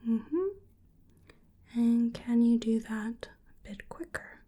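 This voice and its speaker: A woman with a fairly high voice speaks slowly in a soft, breathy whisper, acting as a medical examiner in ASMR style. She's gentle and hesitant, murmuring to herself.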